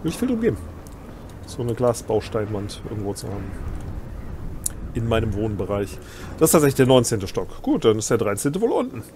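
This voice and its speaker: A man's voice: lowish voice, wildly swooping pitch, brisk, long pauses, background noise. A middle-aged man giving chatty, amused commentary while playing a video game. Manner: chatty, amused, reads on-screen text aloud. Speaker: let's play host. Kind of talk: gameplay commentary.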